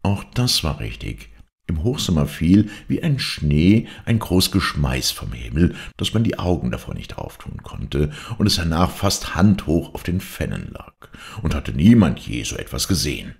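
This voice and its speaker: A man reading a classic novella aloud in a dramatic, expressive storytelling manner. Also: very deep voice, moderate pace, gravelly. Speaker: audiobook reader.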